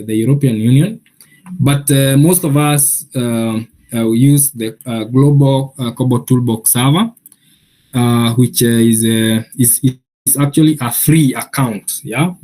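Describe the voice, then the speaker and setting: A man leads a software tutorial, walking through an account sign-up one step at a time. His voice sits at an ordinary middle pitch. He pauses often and fills the gaps with hesitant "uh" sounds as he explains. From Kenya. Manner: many filler "uh"s and restarts, patient step-by-step. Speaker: trainer. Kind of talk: software training walkthrough.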